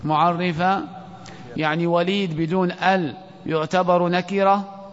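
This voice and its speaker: A man teaching an Arabic grammar lesson in a classroom, quizzing his students and reciting verse slowly. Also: sits high, fairly even intonation. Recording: dull lo-fi audio with long hall reverb.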